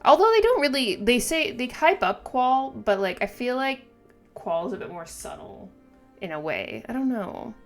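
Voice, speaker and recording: A woman giving casual, slangy reaction commentary as a video host, with animated exclamations and asides. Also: on the high side, normal speed, creaky, soft background music. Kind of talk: casual reaction commentary, reading dialogue aloud.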